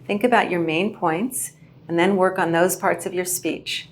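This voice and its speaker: A woman instructor giving a clear, measured lesson on how to present well. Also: lowish voice, steady tone. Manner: clear, measured teaching delivery. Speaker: English language instructor. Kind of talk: instructional video narration.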